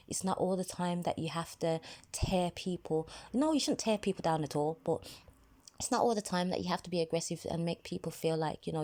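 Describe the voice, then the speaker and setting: Lady chatting about faith, lots of you know's, darkish warm voice. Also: low voice. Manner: conversational, many fillers, soft-spoken advice. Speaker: ministry video host. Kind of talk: casual spoken devotional talk.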